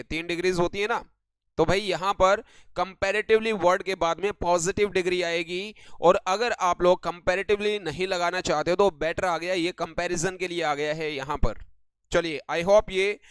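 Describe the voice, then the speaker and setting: भारतीय लहजे वाला एक पुरुष अंग्रेज़ी शिक्षक लाइव ऑनलाइन क्लास में व्याकरण समझाता है और दर्शकों को "बेटे" और "भाई" कहकर पुकारता है।. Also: male voice, high voice, steady tone, clean tone, no room sound. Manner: addresses viewers as beta and bhai, reads sentences slowly. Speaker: English grammar teacher. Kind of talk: live online lesson.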